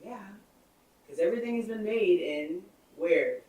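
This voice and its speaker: A podcast co-host in her thirties explains her views step by step in casual chat. Her fairly low voice has lively intonation and a darkish tone, and she speaks unhurriedly. The room is echoey and she's far from the mic.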